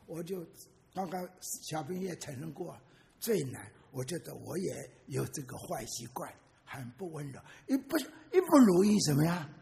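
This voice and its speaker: A man's voice: fairly high pitch, vocal fry, in a large hall. A man in his eighties, a pastor, preaching a sermon in a church and often putting questions to his listeners. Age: 80s. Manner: animated storyteller who asks the congregation questions.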